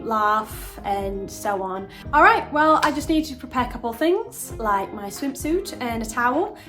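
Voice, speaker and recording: Woman, casual vlog chat, slightly high voice, clear music bed. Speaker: vlogger. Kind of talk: casual vlog talk to viewers.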